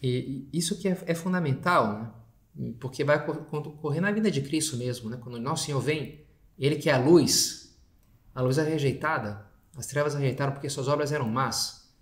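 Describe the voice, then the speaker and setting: A man's voice: mid-range voice, moderate pace. A man, a priest, giving a spoken meditation in a casual, conversational way with slangy asides and frequent tag questions. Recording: echoey room.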